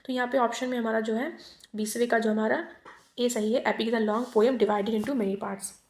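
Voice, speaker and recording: A woman teacher going through exam multiple-choice questions, reading each one slowly in English and then explaining it quickly in Hindi. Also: a little high, steady tone, a little mellow, echoey room. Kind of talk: exam quiz lesson.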